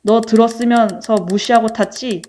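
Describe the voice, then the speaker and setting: A woman's voice: on the high side, steady tone, normal speed, warm tone, close to an everyday voice. Woman voicing a brusque young subway worker. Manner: casual, brusque, matter-of-fact. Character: young male subway service worker, breezy. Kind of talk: reading a story game aloud.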